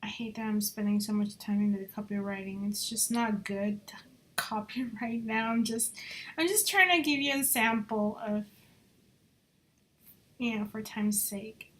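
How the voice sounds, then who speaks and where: On this screen recording, a female job applicant walks through her design work in a medium-pitched, slightly bright voice at a measured pace. She's talkative, mutters to herself, and lets Spanish phrases slip in from time to time.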